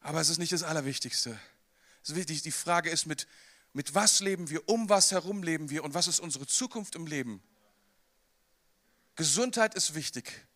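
Bright, high-voiced man preaching animatedly. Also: moderate pace, long pauses. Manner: animated, conversational preaching, addresses listener directly. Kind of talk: sermon.

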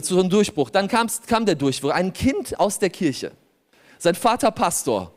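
Male preacher, higher voice, animated anecdotal storytelling, laughs a lot. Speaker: pastor and lawyer. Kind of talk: sermon storytelling.

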